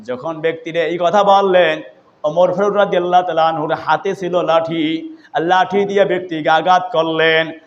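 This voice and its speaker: High-voiced preacher guy chanting a friday sermon story, muffled lo-fi sound. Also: fairly even intonation, normal speed. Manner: sing-song, repetitive phrasing.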